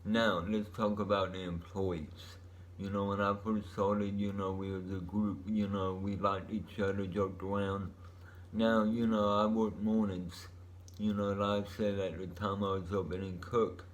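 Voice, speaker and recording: A man's voice: fairly low pitch, little pitch movement, a little slow, highs cut off. A man rambling casually as a vlogger, telling stories in a laid-back, meandering stoner-like drawl.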